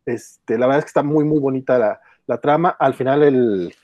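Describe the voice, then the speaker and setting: A man's voice: mid-range voice, moderate pace, no echo, lo-fi sound. A Mexican man on a podcast, casually retelling a comic story in a rambling way, full of restarts, fillers and chuckles.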